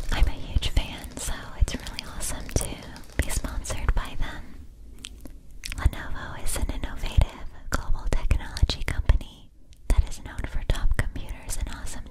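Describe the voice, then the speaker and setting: A young woman softly whispering a scripted ASMR sponsor read in a breathy, unvoiced voice, enunciating carefully. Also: poor audio. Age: young adult. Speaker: ASMR creator.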